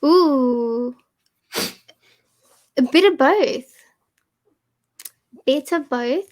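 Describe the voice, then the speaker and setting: A woman's voice: high-pitched, drawn-out words. A British woman, a photographer, chatting playfully and laughing often on a live stream. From Britain. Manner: playful, giggly, animated. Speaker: fine art photographer, co-host of live chat. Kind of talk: casual live-stream chat.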